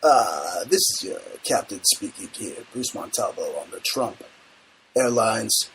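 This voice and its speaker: A male talk show host putting on an airline captain making a slow, measured cabin announcement. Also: on the low side, animated, a bit bright, a little hiss or hum, pitched below the performer's own voice, poor audio. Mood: mock-solemn.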